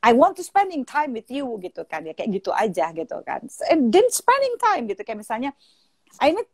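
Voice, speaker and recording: A woman hosts a lively advice chat from her phone. She tosses in English phrases and acts out the lines she quotes. The sound is dry and close. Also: on the high side, a little fast, no echo. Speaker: host and sexologist. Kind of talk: casual advice chat on a live stream. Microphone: phone mic on a live video call.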